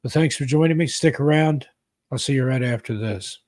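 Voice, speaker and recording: Rambling live-stream host, dry sound. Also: male voice, medium pitch, a little fast, a little mellow, no room sound. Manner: rambling, frequent fillers and throat-clearing. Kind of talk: casual live-stream chat.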